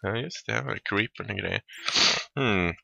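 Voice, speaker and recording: The recording is muffled, and this Swedish man's voice is fairly low, gravelly, bright and forceful. As a let's play gamer he offers playful, casual commentary on his video game, improvising silly songs and exclaiming often.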